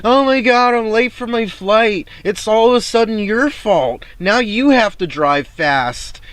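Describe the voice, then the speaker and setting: A man mimicking a panicked, demanding female rideshare passenger, shrill and loud. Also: expressive, a little slow, no echo. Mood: panicky demanding.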